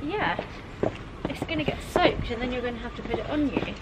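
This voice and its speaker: A woman's voice: a little high, brisk, very noisy. A woman, chatting casually in a playful, teasing way. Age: 20s. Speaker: vlogger's companion. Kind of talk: casual chat. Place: in a parked car, on city streets and in shops.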